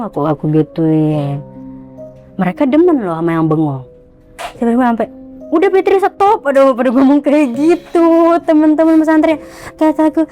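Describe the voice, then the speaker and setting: A young woman excitedly telling a ghost story, acting out the voices of the people in it. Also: mid-range voice. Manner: excited, animated, acts out quotes. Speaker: guest storyteller.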